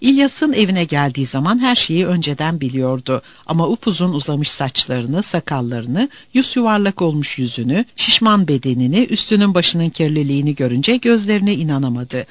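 A man narrating a novel in an expressive storytelling manner. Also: fairly high pitch, normal speed, few pauses. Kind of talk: audiobook narration.

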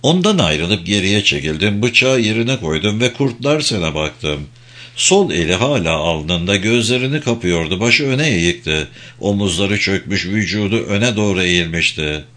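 Brief: male storyteller, lowish voice with a bright, tense edge, dramatic reading. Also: expressive, normal speed. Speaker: narrator. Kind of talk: scripted audiobook narration.

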